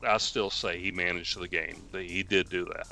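A man's voice: sits low, steady tone, normal speed, creaky, sharp tone. A man with a soothing voice and an old Virginia accent, a slight Southern drawl, analysing football on a sports talk show.

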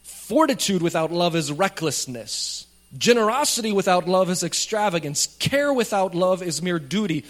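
A man preaching a sermon at a pulpit microphone in a church, speaking in a plain, conversational way with light jokes for the congregation. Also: on the high side. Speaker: pastor. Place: church sanctuary.

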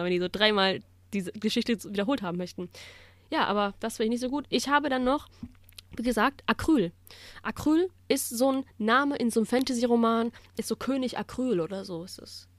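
A chatty young woman gives her opinions freely as a podcast co-host, padding her talk with fillers. Her voice is a little higher than most women's and sounds dry and close to the mic. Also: brisk, no echo. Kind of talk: casual chat.

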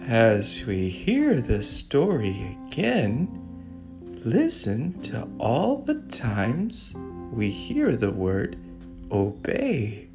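A woman voicing a gentle sloth who hosts a bedtime story, speaking in a drawn-out, sing-song way over soft guitar music. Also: extremely low pitch, wildly swooping pitch, pitched below the performer's own voice, heavily acted. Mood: calm, soothing. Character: slow, gentle sloth host of bedtime stories. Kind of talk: soothing bedtime devotional talk. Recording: guitar music playing underneath.

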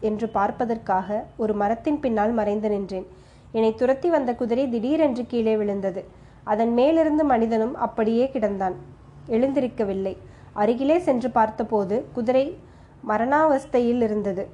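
A woman's voice: fairly high pitch, mellow, lo-fi sound, lightly acted. A woman reading as a harsh, ghoulish kapalika woman. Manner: harsh, dramatic storytelling. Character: fierce female kapalika, wild ghoulish wanderer. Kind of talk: audiobook character reading.

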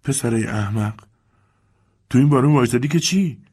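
A man's voice: medium pitch, darkish tone, breathy edge, pitched above the performer's own voice, lightly acted. A man voicing a heavy, weary old woman housekeeper who scolds in a drawling way, in an audiobook. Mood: scolding. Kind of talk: audiobook character voice.

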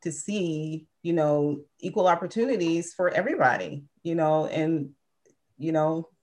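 Woman, sixties, interview guest, earnest, emphatic, low-pitched voice. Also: measured pace, a little mellow. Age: 60s. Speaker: interview guest, civil rights organization member. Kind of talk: casual interview conversation.

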